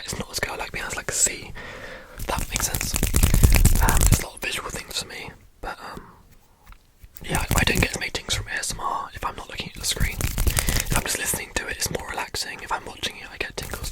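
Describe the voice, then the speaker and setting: A young adult whispers in a fast ASMR style, all breath and no voice. The delivery is informal and rambling, with words often repeated, like someone answering questions off the cuff. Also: rough recording.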